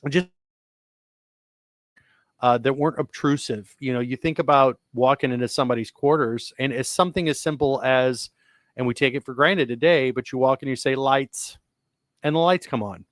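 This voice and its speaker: A man's voice: medium pitch, moderate pace, no echo. Rambling podcast guy, dry mic. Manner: rambling, restarts often, enthusiastic about sci-fi tech. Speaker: podcast co-host. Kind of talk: casual chat.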